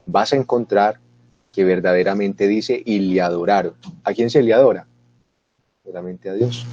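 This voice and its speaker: A man with a low, mellow, husky voice teaches a Bible lesson. He speaks straight to his listeners and rises with feeling when he quotes scripture. The recording is dull and lo-fi. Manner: earnest, animated when quoting scripture; talks to listeners directly with asides. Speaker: catechist.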